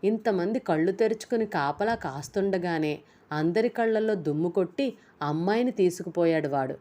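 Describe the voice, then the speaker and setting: A woman's voice: on the low side, lively intonation, moderate pace, dark tone, close to an everyday voice. A woman voicing a stern, worried older man who scolds his servants in a storybook reading. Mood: angry, scolding. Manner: scolding, commanding. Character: worried older male father-in-law, stern and angry.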